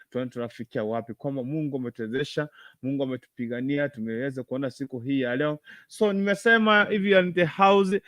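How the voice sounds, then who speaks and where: Higher-voiced Kenyan man hosting live. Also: a bit bright, no echo. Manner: repeats phrases, mixes English with Swahili. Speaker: host of a live online gospel show. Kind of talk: informal live-stream hosting, addressing viewers.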